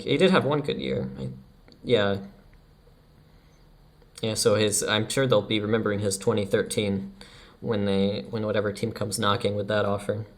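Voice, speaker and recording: A young man casually commenting over his baseball management game, chatty and laughing at himself now and then. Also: on the low side. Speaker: let's play commentator.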